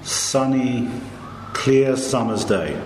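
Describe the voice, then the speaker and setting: A man narrating a guided meditation in a calm, hushed, soothing manner, with long pauses between short phrases. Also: mid-range voice, roomy sound, slight background noise, rough recording.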